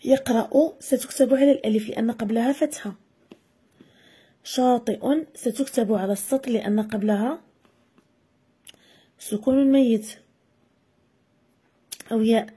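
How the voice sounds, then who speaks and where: Woman teacher, husky and warm, slightly high voice, patient lesson delivery. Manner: slow, deliberate dictation of example words. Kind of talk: classroom grammar lesson. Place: video lesson voice-over.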